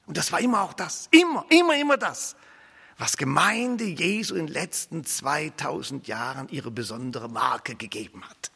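A man preaching a sermon, emphatic and repetitive, swinging between loud declarations and hushed, near-whispered lines. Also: fairly high pitch, normal speed, gravelly, slightly rough, long reverb tail.

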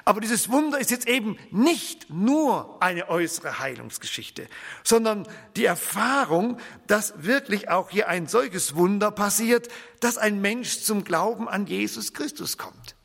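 A man preaching a sermon in a church, with emphatic, expressive delivery and frequent repetition. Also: sits high, measured pace, vocal fry, husky. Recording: church hall reverb.

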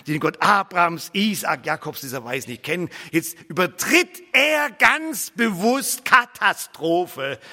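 A male preacher telling a story as a sermon in a lively way, acting out characters and speaking straight to his listeners. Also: sits high, in a large hall. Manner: animated, acts out characters, addresses listeners directly.

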